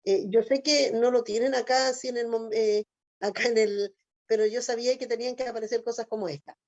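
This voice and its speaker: Soft-toned Chilean woman pastor, hesitant. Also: a little high, steady tone, a little fast, dry recording, muffled recording. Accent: Chilean Spanish. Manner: hesitant, many restarts, greets viewers. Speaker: pastor and program host. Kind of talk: church talk show hosting.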